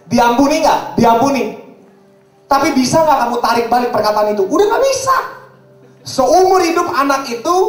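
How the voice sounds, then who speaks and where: High-voiced preacher man in an echoey hall. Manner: conversational preaching, keeps asking the congregation questions. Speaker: pastor. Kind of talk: sermon. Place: church hall. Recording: echoey hall, mic at a distance.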